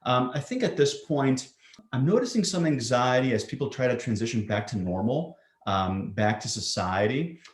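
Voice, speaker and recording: A male psychiatrist answering interview questions thoughtfully, often pausing with ums and restarting sentences. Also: medium pitch, lively intonation. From Greece. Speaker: psychiatrist guest. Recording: roomy echo.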